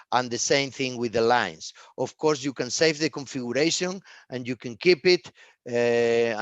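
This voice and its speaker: Speaking English as a non-native, a man with a mid-range voice presents a technical product live, hesitating often and repeating words and phrases. The recording is dry.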